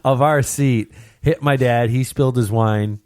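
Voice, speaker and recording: A man's voice: medium pitch, unhurried, a little mellow, clear, resonant tone, no room sound, clean studio sound. A young man hosting a casual hockey podcast, telling stories with animation and mimicking people. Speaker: podcast host.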